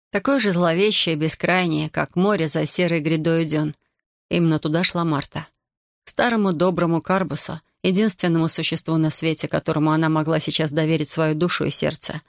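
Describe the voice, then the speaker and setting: An audiobook narrator giving a dramatic, measured literary reading. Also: mid-range voice, steady tone, dry recording, studio quality.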